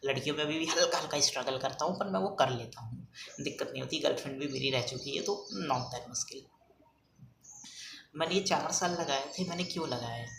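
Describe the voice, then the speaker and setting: A young man vlogging in a casual, rambling way, talking softly and hesitantly with many fillers. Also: on the high side, fairly quick, creaky. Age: young adult. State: speaking softly, kept quiet. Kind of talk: casual rambling vlog talk. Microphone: phone front camera. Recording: echoey room, faint background noise.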